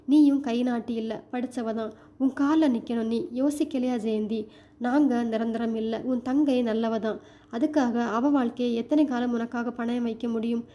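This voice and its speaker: A woman's voice: a little high, steady tone, moderate pace, mellow, muffled recording, close to an everyday voice. A woman voicing a worried mother who talks in a firm, coaxing way.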